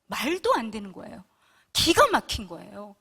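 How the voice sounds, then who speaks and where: A woman's voice: medium pitch, wildly swooping pitch, normal speed, vocal fry, pushed and bright, breathy edge. A middle-aged woman, a pastor's wife, giving an earnest and emotional personal testimony at a prayer meeting. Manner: earnest, emotional storytelling that acts out past quarrels.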